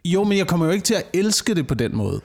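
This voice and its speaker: A man talking casually with a co-host, his voice a bit higher than most. He circles his points with stammered repetitions and restarts. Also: sing-song, gravelly, darkish tone. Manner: stammering restarts, repeats words while thinking. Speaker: podcast co-host. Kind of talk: casual chat.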